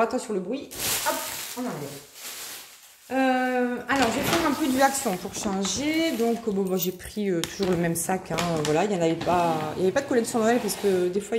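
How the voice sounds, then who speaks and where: A woman's voice: medium pitch, background noise. A woman chatting casually as she shows off her craft purchases, hesitant and full of fillers, gushing over cute items. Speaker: craft vlogger. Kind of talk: casual show-and-tell haul.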